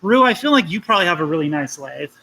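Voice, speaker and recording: A woman's voice: on the low side, sing-song, quick pace, sharp tone, slight background noise, poor audio. A woman streaming an electronics project, thinking aloud with hesitant ums while she works. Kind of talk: casual live-stream tinkering talk.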